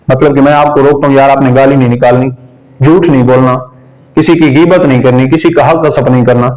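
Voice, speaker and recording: A man's voice: fairly high pitch, darkish tone, rough recording. Patient male teacher checking the class understands. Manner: patient, repeats key terms slowly. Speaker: religious studies teacher. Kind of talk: classroom lesson. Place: room with students present.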